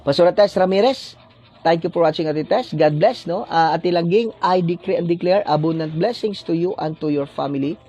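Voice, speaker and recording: A man's voice: on the high side, moderate pace, mellow. A male pastor giving a livestreamed sermon, dropping a tag question after phrases in a preacherly cadence. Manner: blessing-decree cadence, preacherly.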